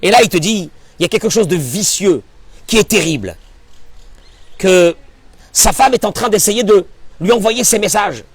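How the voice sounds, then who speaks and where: A rabbi giving a Torah class in an emphatic, animated way, full of rhetorical questions. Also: male voice, high voice, moderate pace, long pauses, husky, dry recording.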